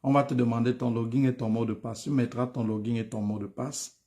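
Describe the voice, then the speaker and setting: A man's voice: medium pitch, fairly even intonation, fairly quick, mellow. A tired man, advising viewers on studying abroad in a live stream. He speaks familiarly, calls viewers by name and repeats himself.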